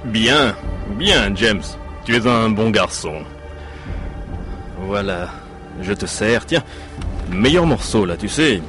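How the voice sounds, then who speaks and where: A man voicing a self-assured male governor who talks in a smooth, condescending way, over music. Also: fairly low pitch, animated, slow pace, long pauses, a bit bright. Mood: patronizing.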